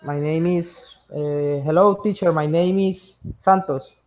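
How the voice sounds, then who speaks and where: Very slow, hesitant Spanish-accented man. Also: a little high, steady tone, a little mellow. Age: 30s. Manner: halting, hesitant beginner with many eh fillers. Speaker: student.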